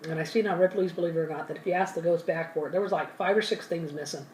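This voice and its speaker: This ASMR host talks rapid-fire in a low, slightly mellow voice, eating as she rambles through a story, occasionally with her mouth full and revising what she said. The audio is roomy and distant from the mic, with faint ambience and a bit of hiss or hum.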